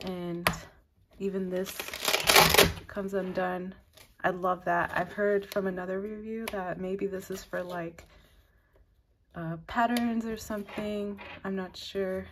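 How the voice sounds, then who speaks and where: A woman's voice: mid-range voice, background noise. A woman giving a casual, loosely organized knitting product review, rambling and dropping in lots of "like". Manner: self-described advanced beginner knitter. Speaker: knitting channel host reviewing needles.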